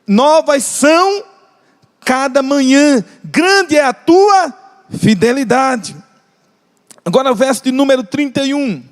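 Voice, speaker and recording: A man with a very high-pitched, animated voice preaches a sermon in a Brazilian Portuguese accent. He is impassioned, drawing out key phrases for emphasis and joking with the congregation. The recording carries the long reverb of a large church hall.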